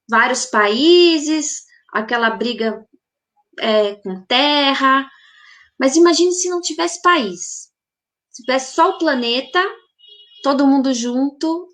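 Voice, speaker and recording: During a live reflective session where she answers viewer comments, this spiritual healing group host thinks out loud and throws out plenty of rhetorical questions. She has a somewhat high, slightly bright voice.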